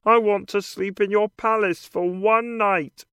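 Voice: medium pitch, steady tone, a little slow, a bit bright, clean tone, no echo, voice pushed up. A storyteller voicing a small, ugly frog who pleads earnestly. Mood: pleading.

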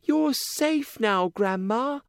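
A man's voice: on the high side, huge pitch swings, takes it slowly, no room sound, studio quality, pitched above the performer's own voice, exaggerated voice. A man putting on a timid little girl. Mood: timid, polite. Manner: raised, gentle childlike voice.

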